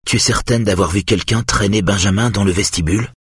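A man voicing a frightened husband who speaks low and keeps his voice under control. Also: fairly quick, breathy edge, no room sound, studio quality. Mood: tense. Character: shaken husband trying to stay calm.

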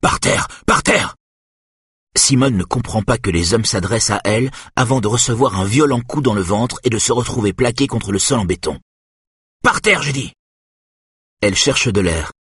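A man reading a thriller audiobook in a steady, measured narration. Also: on the low side, husky, dry recording, studio quality.

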